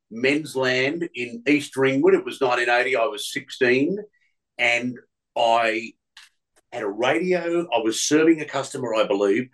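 Australian radio veteran in his fifties, bright, chatty storyteller. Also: mid-range voice, low-quality recording. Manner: chatty storyteller, slips into impressions, frequent restarts. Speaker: radio announcer and voice artist. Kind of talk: casual anecdotal interview.

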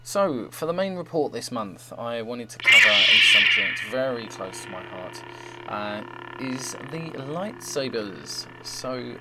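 A man's voice: mid-range voice, expressive, slow, loud music behind the voice, poor audio. A man hosting a fan show, giving an informal review and report. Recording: faint hum and noise.

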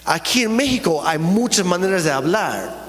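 A man's voice: high voice, big pitch swings, normal speed, fairly bright tone, long reverb tail. A man preaching a sermon in earnest, emphatic style, asking his congregation rhetorical questions. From not from here, speaks with an accent. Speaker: pastor. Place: church auditorium.

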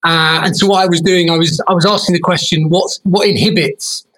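A man's voice: on the high side, fairly even intonation, a little fast, fairly bright tone, poor audio. A man from England, a guest lecturer answering interview questions in a joking, modest way over a video call. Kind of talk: casual interview.

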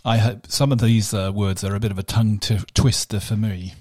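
A man's voice: on the low side, fairly even intonation, brisk, darkish tone, no echo, clean studio sound. A man in his fifties co-hosting a podcast, chatting in a rambling, jokey way with many restarts. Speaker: podcast co-host. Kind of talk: casual chat.

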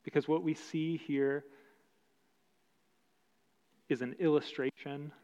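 A man preaching a sermon as pastor, slow and emphatic with long pauses. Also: a little high, steady tone, mellow. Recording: dull sound with long hall reverb.

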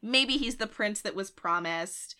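A woman co-hosting a podcast, casually telling history with frequent laughs and quick voiced asides. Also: medium pitch, bright, forceful tone, clear, resonant tone. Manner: chatty, laughs often, voices quoted figures in asides. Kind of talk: casual chat.

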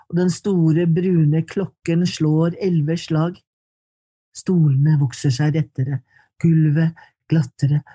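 A woman reading her poetry aloud in slow, measured lines, then answering questions in conversation. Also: sits low, warm tone, husky. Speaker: poet and guest.

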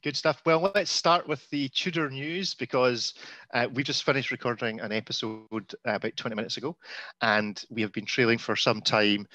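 A man's voice: mid-range voice, fairly even intonation, moderate pace, bright, forceful tone, no room sound. A man hosting a casual group chat, teasing and leading the conversation. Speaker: podcast host.

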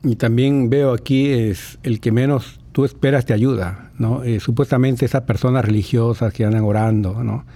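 Mellow-voiced man reflecting on scripture. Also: mid-range voice, fairly even intonation, moderate pace, few pauses. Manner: thoughtful, with many fillers and tag questions. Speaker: co-host commenting on scripture. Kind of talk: casual religious commentary.

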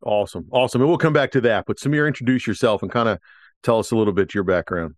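A man's voice: lowish voice, quick pace, no echo, studio quality. A man hosting a podcast, upbeat and joking, introducing his guests with many "uh" fillers. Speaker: podcast host. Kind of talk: casual podcast interview.

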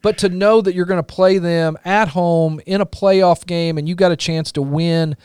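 Male podcast co-host, fairly high clear voice, informal emphatic sports chat, very dry sound. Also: fairly even intonation, moderate pace, a little mellow, dry recording.

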